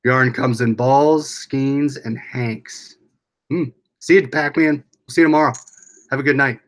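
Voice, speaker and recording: A man's voice: mid-range voice, steady tone, measured pace. An American man hosting a casual livestream, rambling along as he reads and answers viewers' comments aloud. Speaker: livestream host.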